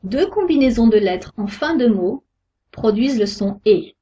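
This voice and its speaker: A woman giving a scripted pronunciation lesson, sounding out each example word slowly and carefully. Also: a little high, animated, dark tone, breathy edge. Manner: slow, careful, deliberate articulation of example words. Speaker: French pronunciation teacher. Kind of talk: slow scripted lesson narration. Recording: dull lo-fi recording.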